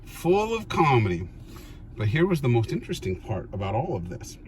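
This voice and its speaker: A man's voice: medium pitch, very animated, moderate pace, noisy background. A man chatting casually and telling family stories in a teasing, playful, questioning way. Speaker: vlog host talking with older relatives. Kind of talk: casual chat, teasing storytelling.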